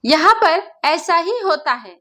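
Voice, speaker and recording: A woman's voice: very high-pitched, animated, slow, pushed and bright, heavily acted. A woman voicing an evasive young husband who brushes off his wife in a storybook. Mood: dismissive. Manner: dismissive.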